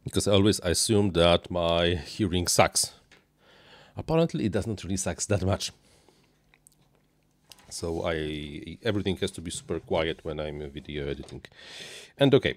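A low man with a nasal voice speaks haltingly, with lots of uhs, restarts, and non-native phrasing. He's an RC hobby streamer building a model plane, chatting off the cuff on a live stream at a small indoor home workshop desk. He uses a dynamic mic on a boom arm and wears headphones.

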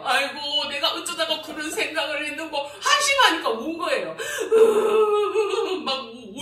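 A middle-aged woman pastor preaches a testimony, laughing often and acting out her own cries to God. Her voice is high and bright and swings widely in pitch. It comes from a distance and echoes through a roomy hall. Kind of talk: testimony sermon.

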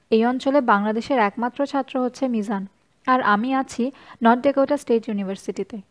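A woman reading a first-person story as an audiobook narrator, in an even, measured way. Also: a little high.

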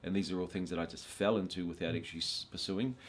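A man in his forties telling his life story in a relaxed, reflective way during an interview in a classroom. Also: low-pitched, quick pace, a little hiss or hum. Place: indoor classroom.

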